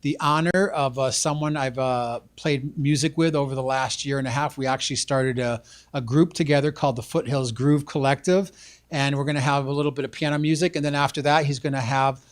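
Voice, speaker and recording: A man's voice: mid-range voice, steady tone, brisk. A man hosting a live local TV show, rambling casually with many fillers. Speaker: host.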